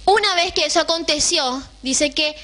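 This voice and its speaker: A woman's voice: high-pitched, normal speed, pushed and bright. A woman teaching a Bible lesson to a class, often putting questions to the room and checking that they follow. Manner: keeps asking the class questions, checks in with "right?".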